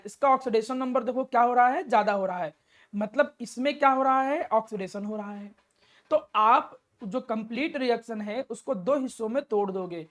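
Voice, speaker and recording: Woman chem teacher, kinda high voice, asks q's then answers them herself. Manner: step-by-step, asks and answers her own questions; affectionately addresses the student. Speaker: chemistry teacher. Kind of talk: classroom lecture.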